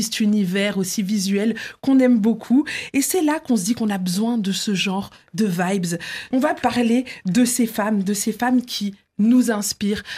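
A woman co-hosting a casual chat podcast, talking in a lively, slangy, enthusiastic way. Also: on the high side, husky. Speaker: podcast co-host.

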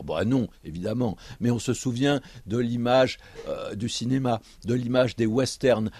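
A man explaining a word's meaning and origin on radio, in a conversational, lively explanatory way with small asides. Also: lowish voice, slightly rough, dry recording. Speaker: language columnist.

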